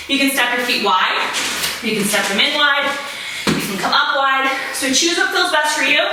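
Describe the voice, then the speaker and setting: A middle-aged woman leading a workout class, encouraging, with short rhythmic coaching commands like a swim coach. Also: high voice. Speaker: fitness instructor leading a home interval workout. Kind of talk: exercise class coaching, cueing moves. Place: small home gym room, indoors. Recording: very roomy echo, distant mic, faint noise.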